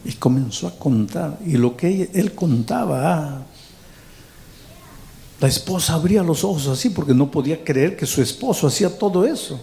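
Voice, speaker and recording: A male pastor delivers a sermon, weaving a personal story into direct appeals to the listener. His voice sits a little high yet sounds dark and mellow, with a gravelly edge. He leans on repetition to drive each point home. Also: expressive, moderate pace, a little hiss or hum. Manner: repeats words for emphasis and speaks straight to the listener.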